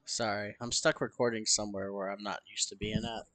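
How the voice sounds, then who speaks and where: A man's voice: fairly low pitch, level tone, fairly quick, a bit bright, no room sound. A man giving casual game commentary as he plays, recorded with background noise in a makeshift spot. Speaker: gameplay streamer.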